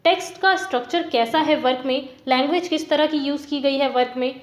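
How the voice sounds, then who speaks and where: A woman's voice: high-pitched, fairly quick, roomy sound. A woman teacher explaining literary terms step by step, repeating points and giving examples.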